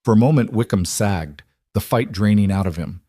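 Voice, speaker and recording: A man reading a scripted frontier story in a steady, measured way. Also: lowish voice, no echo, clean studio sound. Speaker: narrator.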